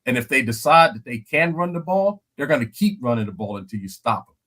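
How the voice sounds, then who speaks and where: The guest analyst, an older man who once played on the NFL line, chats casually on a podcast in a medium-pitched, somewhat bright, expressive voice, moving briskly. Animated, he repeats points and keeps asking "you know what I'm saying."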